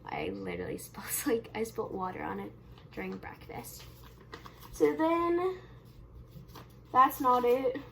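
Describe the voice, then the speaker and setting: Young woman vlogger, high bright voice, rambling casual storyteller who backtracks a lot. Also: very animated, measured pace, gravelly, long pauses, a little hiss or hum. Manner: rambling, self-correcting, leans on "basically" and "um"; wide swings in loudness and pace. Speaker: YouTube vlogger. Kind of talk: casual camera vlog storytelling.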